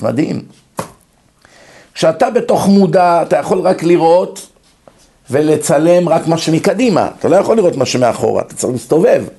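A man's voice: animated, mellow, husky. A man giving a lecture, telling stories and acting out quoted dialogue as he goes. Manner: storytelling, acts out quoted dialogue with shifts in pitch. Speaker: religious lecturer. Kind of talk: lecture on the mind and soul.

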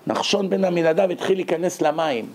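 A man's voice: sits high, darkish tone, a little hiss or hum. A man giving a Torah lecture, telling stories animatedly and firing rhetorical questions.

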